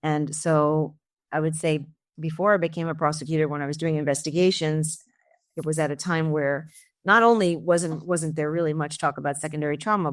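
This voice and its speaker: A woman's voice: low-pitched, dry recording, studio quality. A middle-aged woman, a former prosecutor, answering interview questions in a candid, reflective way, often restarting her phrases.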